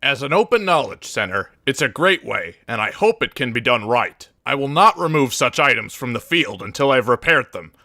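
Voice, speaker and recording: In a game parody, a man voices a brash company boss, declaiming announcements in stilted phrases read from garbled machine translation. His medium-pitched voice is very animated and sharp, at normal speed with hardly any pauses, recorded dry at studio quality.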